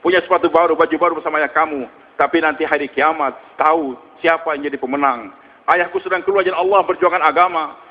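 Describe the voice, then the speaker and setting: A proud young boy boasting to his playmates, played by a male preacher. The voice is high and declaiming. A long hall reverb hangs on it, and the sound is dull. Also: fairly even intonation, fast talker, lightly acted.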